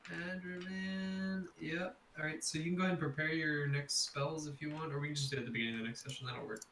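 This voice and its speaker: A man as game master chatting casually between tabletop game sessions, relaxed and offhand. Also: a little high, fast. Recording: echoey, distant mic, faint background hiss.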